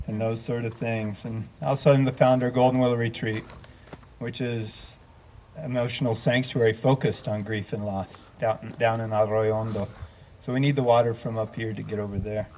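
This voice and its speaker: Man, minister at a memorial, heartfelt and gentle, middle pitch, faint background noise. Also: little pitch movement, normal speed, rough recording. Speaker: multi-faith minister. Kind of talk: memorial service address and prayer.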